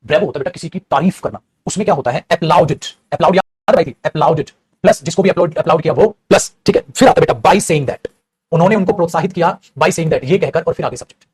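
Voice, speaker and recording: A man teaches grammar to a classroom, repeating each point and drilling his students. He talks very quickly in a somewhat raised voice with a husky edge. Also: fairly high pitch, darkish tone. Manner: addresses students as beta, repeats and drills, switches between languages. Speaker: English teacher.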